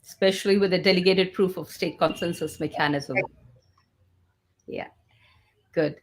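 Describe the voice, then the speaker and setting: A woman's voice: on the low side, steady tone, moderate pace. A woman hosting an online interview, asking long questions with fillers and restarts. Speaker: host.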